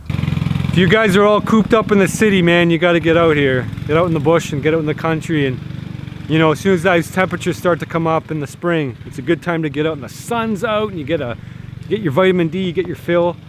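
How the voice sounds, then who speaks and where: Holding the camera at arm's length, a man from Canada talks fast in a fairly high voice, with background noise audible. It's a casual homesteading vlog filmed outdoors in snowy woods and fields, his speech relaxed and full of fillers and restarts.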